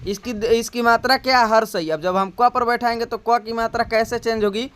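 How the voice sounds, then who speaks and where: A man with a Hindi accent teaching the Hindi syllable chart in a slow classroom manner, drawing out each sound and asking rhetorical questions. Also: very high voice, fairly even intonation, fairly bright tone, clean tone. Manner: drawn-out spoken syllables, repeated rhetorical questions.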